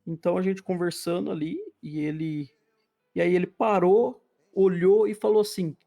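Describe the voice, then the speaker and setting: A man's voice: high-pitched, fairly even intonation, normal speed, creaky, mellow, faint music behind. A man, a podcast guest, earnestly telling a spiritual testimony and acting out the dialogue. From Brazil. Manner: earnest, vivid, acts out dialogue. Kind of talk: personal testimony storytelling.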